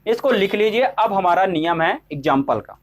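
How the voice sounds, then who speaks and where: A man's voice: sits high, lively intonation, moderate pace. A male English teacher giving a classroom-style grammar lesson, asking questions and answering them himself, and checking often that students follow. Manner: repeats "ठीक है?" to check on students.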